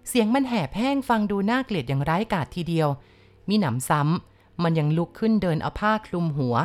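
A woman narrating a ghost story in a slow, deliberate storytelling manner. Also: fairly low pitch, a little mellow. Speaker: audiobook reader.

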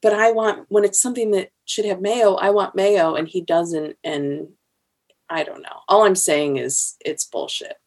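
Lowish husky woman on a podcast, chatty, jokey, quick to sympathize. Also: fairly even intonation, darkish tone. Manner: chatty, quick to joke and commiserate. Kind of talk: casual chat.

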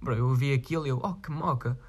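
This man has a medium-pitched, slightly breathy voice and talks quickly. A vlogger with a European Portuguese accent, he reads viewer requests in a loose, slangy, meandering way, swearing often.

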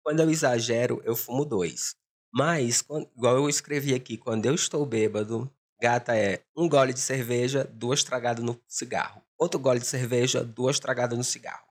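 A man with a hoarse smoker's voice, hosting a casual confessional podcast in a dramatic, joking way. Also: mid-range voice, steady tone, normal speed. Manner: dramatic, joking, self-mocking. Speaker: podcast host.

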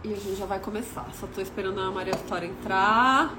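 A woman co-hosting a casual live chat from her home kitchen as a nutrition mentor, talking in a lively, slangy way. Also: medium pitch, a little fast, very noisy. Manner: lively, slangy, laughs easily.

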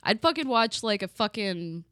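A woman's voice: mid-range voice, normal speed, dry recording, clean studio sound. A young adult woman co-hosting a podcast, talking in a casual chat and ranting bluntly with lots of swearing. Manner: blunt, swears freely, animated rants. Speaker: podcast co-host.

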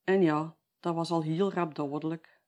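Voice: mid-range voice, steady tone, moderate pace, a little mellow, lo-fi sound. Brief: Flemish-accented local storyteller, folksy oral telling, conversational tags at the end of lines. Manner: chatty, tags sentences with "hè".

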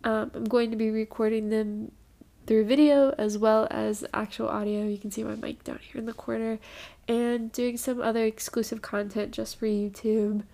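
A woman's voice: on the high side, level tone, normal speed, gravelly, mellow. Congested young woman hosting a chatty podcast. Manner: rambling, many ums, apologetic asides. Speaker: podcast host. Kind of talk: casual chat to camera.

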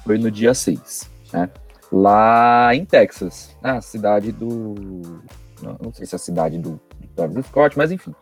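A man's voice: fairly low pitch, expressive, a little slow, breathy edge, faint music behind. Brazilian man, slangy casual podcast host. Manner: informal Brazilian street slang. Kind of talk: casual chat, presenting a music and news podcast.

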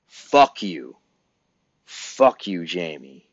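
A man's voice: low voice, lively intonation, drawn-out words, no echo. A man, ranting bluntly and profanely as a podcast host. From Illinois, US Midwest. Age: 50s. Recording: dull, dry lo-fi recording.

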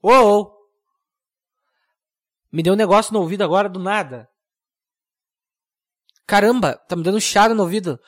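A young man hosting a comedic solo podcast, rambling and mocking himself in a deadpan way. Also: high voice, moderate pace, long pauses. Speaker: podcast host.

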